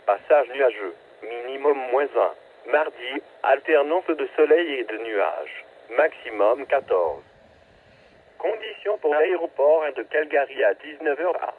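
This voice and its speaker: A synthetic male voice, a little high, gives scripted weather forecasts in clipped, impersonal phrases against slight background noise. It is heard through a radio transmission on a narrowband, staticky weather broadcast.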